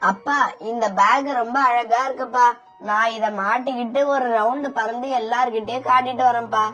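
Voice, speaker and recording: A woman's voice: a little high, fairly even intonation, normal speed, fairly bright tone, soft background music, natural voice, rough recording. A woman voicing Jakku, a bragging sparrow kid. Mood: excited. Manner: bragging, snobbish. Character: boastful rich sparrow child Jakku. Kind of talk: cartoon voice acting.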